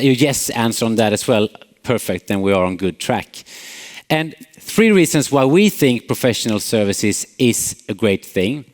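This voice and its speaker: In a big conference hall, a man from Sweden speaking with a Småland Swedish accent delivers a warm keynote as his company's CEO, full of "uh" fillers and gentle humor. His mid-range voice has a big-room sound.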